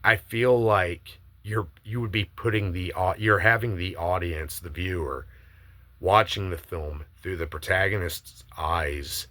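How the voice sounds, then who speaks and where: A man giving a casual, opinionated monologue, eagerly and emphatically pitching a movie idea with some swearing. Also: unhurried, bright, forceful tone, dry recording.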